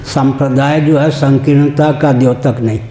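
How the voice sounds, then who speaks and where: A man's voice: medium pitch, steady tone, moderate pace, warm tone, roomy sound. An older man, a spiritual teacher, giving a religious discourse, explaining with anecdotes and laughing at his own jokes.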